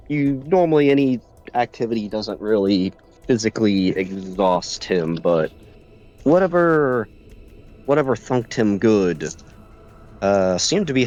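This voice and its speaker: Congested low-voiced man running a tabletop game. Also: a little mellow, dull audio. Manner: halting, many restarts and fillers. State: congested, clearing his throat. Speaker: game master.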